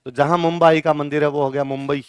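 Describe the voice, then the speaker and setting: A man's voice: a little high, flat delivery, quick pace, clean tone, dry recording, studio quality. A male teacher giving a classroom lecture, firing questions at his students and answering them himself.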